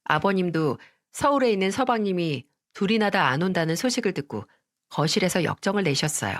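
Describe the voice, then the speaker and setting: A woman's voice: lowish voice, expressive, brisk. A woman telling a submitted personal story in the first person, in a confiding narration.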